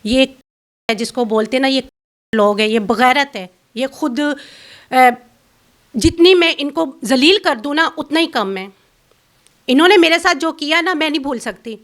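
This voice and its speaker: In an interview, a middle-aged woman from Pakistan airs her grievances with strong feeling, talking bitterly and insistently and making accusations. She has a high, slightly bright voice and leaves long pauses.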